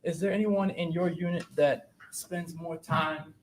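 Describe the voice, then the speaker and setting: A man, a defense attorney, quickly questioning a witness from a courtroom podium with halting restarts, heard in a courtroom recording. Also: fairly even intonation. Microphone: courtroom podium microphone. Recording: echoey courtroom, faint rumble.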